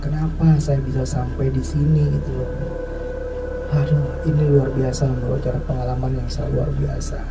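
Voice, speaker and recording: A man's voice: medium pitch, little pitch movement, moderate pace, gravelly, loud music behind the voice. Rambling man telling an eerie personal tale. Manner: rambling, reflective, many filler tags. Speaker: storyteller. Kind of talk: casual personal storytelling. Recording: distant mic, faint background noise.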